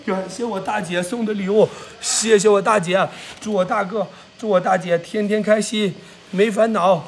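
Hoarse man hosting a livestream, high and gravelly, excitable, shouts his thanks. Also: moderate pace, noisy background. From Tongliao, Inner Mongolia. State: hoarse from a cold. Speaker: livestream host. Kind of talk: livestream gift-thanking chat.

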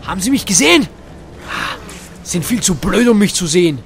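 A man giving playful, hammy gameplay commentary, dropping in English phrases and sudden shouts. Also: sits high, sing-song, normal speed, soft background music. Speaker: let's play gamer.

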